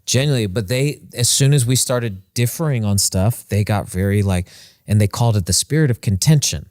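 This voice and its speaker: A man's voice: mid-range voice, brisk, a little mellow, no room sound. Casual male podcast host, close dry sound. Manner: informal, encouraging, slangy. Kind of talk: casual chat and interviewing.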